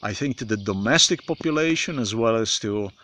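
A man in his forties from Slovenia with a Slovenian accent, speaking in a halting, repetitive, emphatic monologue to a phone camera in a forest. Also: fairly low pitch, lively intonation, sharp tone. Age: 40s. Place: outdoors in a forest. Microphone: phone camera at arm's length.

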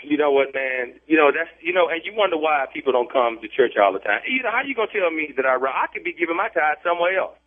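This prank call target talks fast in a fairly high, expressive voice, barely pausing at all. Unscripted and on the phone, he objects and says the same things again, and the band-limited line makes him sound tinny.

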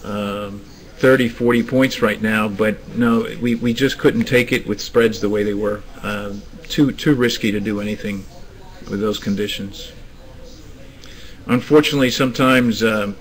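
Man giving halting live trading commentary. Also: lowish voice, fairly even intonation, rough recording. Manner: hesitant, restarts, coaxing the screen. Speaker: forex trading room host. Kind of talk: live market commentary to traders. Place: trading room, screen recording.

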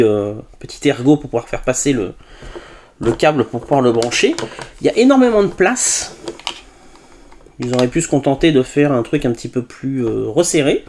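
A man talks through an unboxing in a relaxed, conversational way. He fills the pauses with small interjections and hesitations while handling the product. His voice sits in a middle register over a faint background hiss. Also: medium pitch. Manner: chatty, with frequent "hop" and hesitations. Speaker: tech reviewer. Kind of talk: casual unboxing review.

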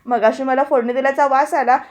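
A woman narrator voicing a gentle, affectionate older mother in a TV serial recap. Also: high voice, steady tone, a little fast, close to an everyday voice.

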